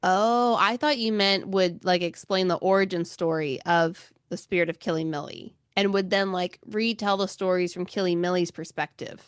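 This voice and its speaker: A woman's voice: lowish voice, fairly even intonation, moderate pace, hardly any pauses, clean tone, no echo, clean studio sound. A woman co-hosting a book podcast, chatting casually with a slight lisp and laughing often. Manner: giggly, exclamatory, laughs often. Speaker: podcast co-host.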